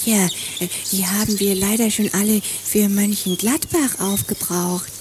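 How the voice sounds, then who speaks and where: Club-happy royal servant, acted by a woman, mid pitch, hesitant, cheeky, noisy backdrop. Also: steady tone, moderate pace, close to an everyday voice. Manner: hesitant objections. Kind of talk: comedy sketch acting.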